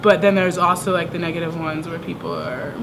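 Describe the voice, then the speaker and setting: A woman's voice: lowish voice, steady tone, a little fast, vocal fry. A twenty-two-year-old woman, a master's student, giving casual documentary interview answers full of fillers. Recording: background noise with air conditioning.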